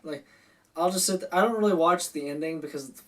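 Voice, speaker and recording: A man's voice: a little high, fast talker, distant mic, crowd noise. A young man co-hosting a casual chat, rambling and repeating himself. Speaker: co-host.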